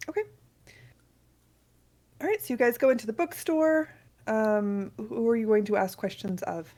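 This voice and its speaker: A woman running a tabletop game as game master, laughing often and talking in a relaxed way. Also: fairly high pitch, moderate pace.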